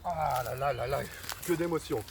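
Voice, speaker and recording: A man's voice: mid-range voice, normal speed, gravelly, background noise. A man giving comic, exaggerated wildlife commentary outdoors, talking straight to the viewers as his friends. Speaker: comic host of a mock hunting video. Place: outdoors in a forest.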